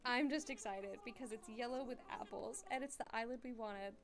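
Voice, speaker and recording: A young woman chatting casually while streaming a game, excitable, giggly and self-deprecating. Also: fairly high pitch, brisk. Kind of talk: casual gaming stream chat.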